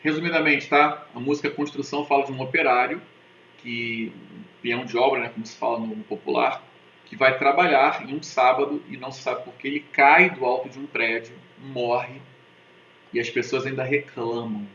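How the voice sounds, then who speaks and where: A man's voice: mid-range voice, fairly even intonation, moderate pace, sharp tone, a little hiss or hum. A man with a Brazilian Portuguese accent, teaching an online literature lesson in a chatty, jokey way, often checking in with his students. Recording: roomy, slightly dull sound with faint ambience.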